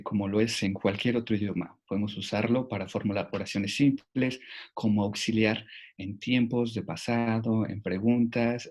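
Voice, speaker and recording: A man's voice: on the low side, darkish tone, slightly rough. A man teaching a French lesson online, patient and repeating key words. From Mexico.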